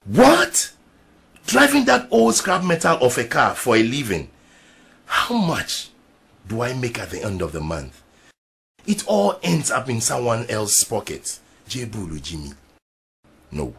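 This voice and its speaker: A man acting as a proud ex-soldier sergeant in a period drama, speaking with a Ghanaian English accent. His voice is gravelly and husky, and it swings widely in pitch as he makes his speeches. He sounds defiant and forceful. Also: huge pitch swings, measured pace, long pauses, heavily acted. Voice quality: raspy, gravelly.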